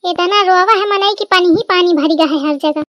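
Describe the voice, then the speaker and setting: A woman voicing a sharp-tongued rustic daughter-in-law with a Kanpuri village accent, scolding bluntly in a cartoon comedy. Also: very high voice, normal speed, dry recording, highs cut off. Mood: grumbling. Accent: Kanpuri rural Hindi.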